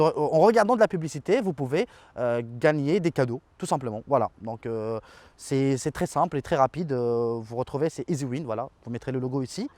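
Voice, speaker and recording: A man's voice: a little high, a little mellow, no echo. A man, chatting casually as a tech video host reading viewer comments, loose and informal with frequent fillers and slang. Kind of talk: casual chat.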